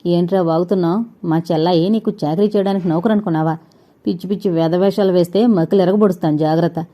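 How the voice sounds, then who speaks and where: A woman's voice: on the low side, mellow, close to an everyday voice. A woman voicing a protective young man who scolds his friend in a storybook reading. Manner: scolding, blustering.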